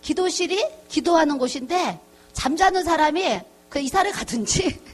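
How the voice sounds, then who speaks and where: A woman's voice: high-pitched, animated, moderate pace, soft background music. A middle-aged woman pastor giving a chatty testimony sermon, acting out the voices of the people in her story. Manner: chatty storytelling, acts out quoted voices, laughs often.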